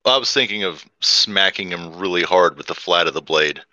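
A man's voice: sits low, moderate pace, pushed and bright, dry recording, dull audio. A man playing a tabletop role-playing game, talking through his moves with fillers and the odd swear. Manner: hesitant, swears, many fillers. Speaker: player. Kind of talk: tabletop game play, casual.

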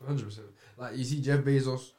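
A man's voice: mid-range voice, fairly quick, dark tone. A man with a London roadman accent and street slang, chatting casually on a podcast.

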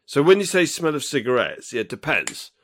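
A man's voice: medium pitch, wildly swooping pitch, brisk, a bit bright. A man co-hosting a podcast in casual chat, giggly and enthusiastic with short reactions. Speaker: podcast co-host.

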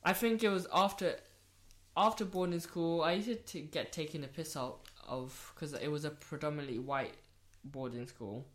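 A young woman born in Rwanda and raised in South London chats candidly as a guest on her friend's podcast, swearing freely and repeating phrases for emphasis. Her voice is low, at a moderate pace.

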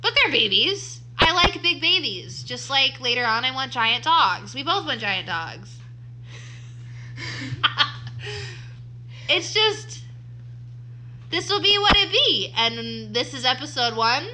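A woman in her early twenties co-hosts a casual podcast, her high, sing-song voice moving slowly with frequent pauses. She rambles, corrects herself, and laughs often as she chats. The mic sits too close, and there's noise in the background.

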